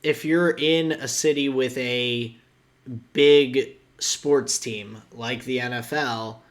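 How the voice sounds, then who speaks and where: A young man with a steady, slow, mid-range voice co-hosts a podcast. The talk is casual and rambling, and he keeps restarting and offering rough guesstimates.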